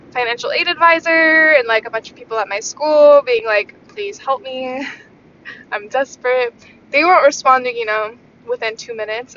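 A young woman hosting a podcast, rambling in a wry, casual way full of fillers. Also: sharp tone. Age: young adult. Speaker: podcast host, student. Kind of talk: casual chat. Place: in a moving car. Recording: muffled lo-fi car recording. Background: faint vehicle rumble.

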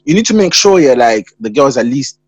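A man's voice: medium pitch, sing-song, a little fast, slightly rough, no room sound. A young man with a London roadman accent and heavy street slang, chatting casually and emphatically, often checking that he is understood. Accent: London roadman, multicultural urban slang. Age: young adult.

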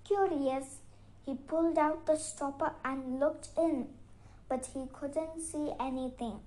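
A woman storyteller reading a bedtime fairy tale aloud in a gentle, expressive way. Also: high voice, takes it slowly, poor audio.

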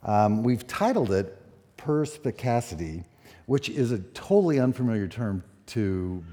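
A man in his sixties, a pastor preaching a sermon at a pulpit microphone, relaxed and conversational with many fillers. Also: medium pitch, unhurried. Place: church sanctuary. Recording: echoey church hall.

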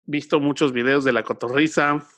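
A man with a Mexican accent chatting casually as a podcast co-host, full of slang and putting on quick voices in quotes. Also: medium pitch, fairly even intonation, fairly bright tone. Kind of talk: casual chat.

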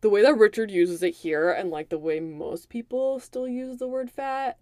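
A woman co-hosting a podcast, recapping a movie in animated, profane casual chat. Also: mid-range voice, moderate pace, no room sound, clean studio sound. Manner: animated, profane, emphatic storytelling. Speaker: podcast co-host.

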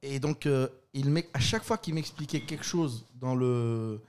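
At normal speed and medium pitch, this podcast co-host chats casually, laughing often and restarting his sentences as he tells lively stories. A little hiss or hum runs under the recording.

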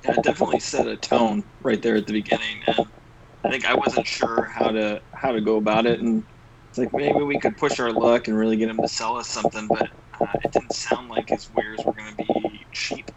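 A man's voice: lowish voice, steady tone, brisk, creaky, lo-fi sound, a loud crowd. A man talking as a player in a tabletop game, thoughtful and hesitant, his remote call audio dropping out as he leans back from the mic. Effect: audio cutting out in dropouts. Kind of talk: casual chat about a tabletop game. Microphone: computer mic on a remote call, fading as he leans back.

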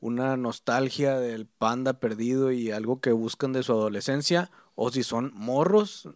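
A young man with a Mexican accent, co-hosting a podcast in relaxed, slangy casual chat. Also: mid-range voice, no room sound, clean studio sound. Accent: Mexican Spanish. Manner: relaxed slangy talk, drawn-out pauses. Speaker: podcast co-host.

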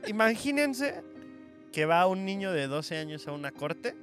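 A man with a Mexican Spanish accent co-hosts a relaxed podcast, his voice a little above average in pitch. He rambles and pokes fun at his own slips. Soft music sits in the background. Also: normal speed. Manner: rambling, self-mocking, laughs often. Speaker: podcast co-host. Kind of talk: casual podcast chat.

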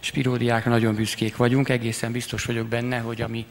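A man's voice: mid-range voice, completely flat delivery, a little hiss or hum. A man hosting an event in a mock-solemn, formal tone, hesitating with fillers. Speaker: event host. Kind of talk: formal mock-ceremonial announcing. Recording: reverberant hall with a crowd.

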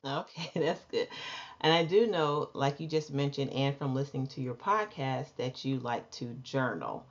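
Here the woman podcast host has a bass voice with lively intonation at normal speed. She welcomes her guest and interviews her in a friendly, upbeat, casual chat, recorded as dull, lo-fi podcast audio.

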